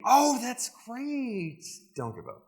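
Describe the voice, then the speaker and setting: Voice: mid-range voice, wildly swooping pitch, slow pace, breathy edge, heavily acted. An actor playing a boastful, cheesy late-night horror host in a campy comedy skit, rambling and self-promoting. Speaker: guest horror movie host.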